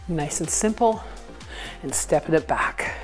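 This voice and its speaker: Over workout music, a female fitness instructor leads an exercise class with short, encouraging cues and counted reps. Her voice sits low, and she speaks slowly with lively intonation.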